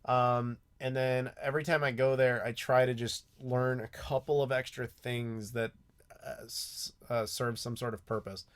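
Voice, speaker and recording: A mid-range, flat voice belongs to an American man from the US who hosts a live YouTube Q&A, chatting casually amid ums and restarts. He talks a little slowly. The desk mic records the clack of his mechanical keyboard too.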